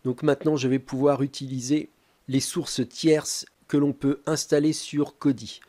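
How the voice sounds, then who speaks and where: A man with a mid-range voice walks through a step-by-step tech tutorial, speaking calmly but pausing often with hesitant fillers.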